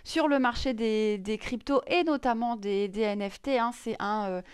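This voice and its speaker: A woman's voice: on the high side, normal speed, clear, resonant tone, no room sound, studio quality. A woman presenting crypto news in a casual screen-share explainer, chatty and full of hesitations. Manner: many fillers and restarts, chatty.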